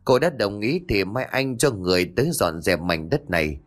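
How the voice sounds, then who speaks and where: A man voicing a calm, gentle young male Buddhist exorcist who speaks in a measured, persuasive way. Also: on the low side.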